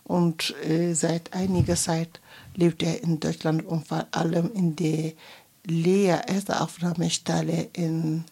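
A woman's voice: deep voice, darkish tone, breathy edge. A woman co-hosting a radio show, speaking hesitantly with many fillers. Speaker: radio co-host. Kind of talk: radio presenting.

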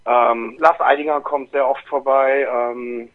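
A middle-aged man, a club owner and rapper, answering interview questions over the phone in a relaxed way, with many hesitations and fillers. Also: mid-range voice, unhurried. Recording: tinny phone line.

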